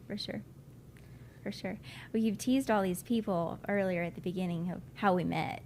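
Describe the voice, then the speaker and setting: A woman's voice: mid-range voice, fairly even intonation, normal speed, a little mellow. A woman with a West Texas twang chatting casually as a co-host on a talk show. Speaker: podcast co-host. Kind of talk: casual chat. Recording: clear background ambient noise.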